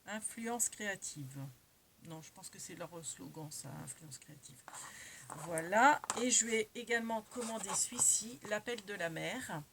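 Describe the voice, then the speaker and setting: A woman's voice: mid-range voice, moderate pace, fairly bright tone, slight background noise. A woman casually showing her craft-supply purchases in a chatty, hesitant way, correcting herself often. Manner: chatty, many fillers and self-corrections. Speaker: crafting vlogger.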